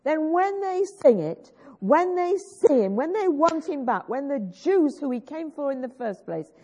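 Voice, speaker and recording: Her voice is high with big pitch swings, dark in tone and unhurried, as a growly-voiced woman preaches a sermon. She earnestly urges the congregation and coaxes them to sing along with a worship song she's teaching. The lo-fi recording is dull, carrying a little hiss or hum.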